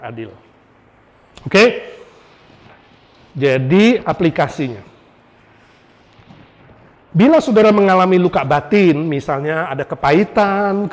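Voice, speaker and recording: A high-pitched man preaches with an animated, questioning style, throwing rhetorical questions at his listeners and mixing in English phrases. His voice rings out with a long hall reverb behind it. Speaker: pastor. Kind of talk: lively preaching sermon.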